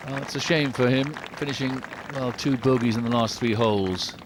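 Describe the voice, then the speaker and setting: A man giving live golf commentary as the lead commentator, in a measured, understated, conversational way. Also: medium pitch, background noise.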